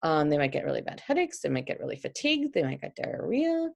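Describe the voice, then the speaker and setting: A young woman with a New York accent lectures unscripted, stopping often to correct herself. Her voice sits low and has a gravelly, creaky edge. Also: very animated, fast talker, darkish tone. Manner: explanatory, with frequent restarts and fillers. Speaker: teacher.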